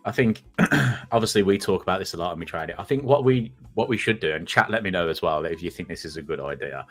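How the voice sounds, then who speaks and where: A man co-hosting a trading show, thinking aloud in a measured way with many fillers. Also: deep voice, animated, a bit bright. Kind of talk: casual market chat.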